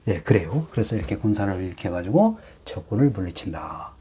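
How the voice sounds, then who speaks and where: A middle-aged man teaching hanja in a lecture, explaining slowly with many fillers and rhetorical questions. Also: low voice, big pitch swings, warm tone, breathy edge.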